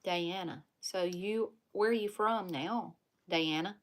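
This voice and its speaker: Woman host, slow-paced, chatty, reads viewer comments, home livestream, casual. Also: lowish voice. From Louisiana.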